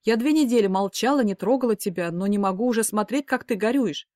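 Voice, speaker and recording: A woman's voice: medium pitch, quick pace, a little mellow, dry recording, studio quality, lightly acted. A woman voicing a worried middle-aged mother who scolds and pleads emphatically. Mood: urging.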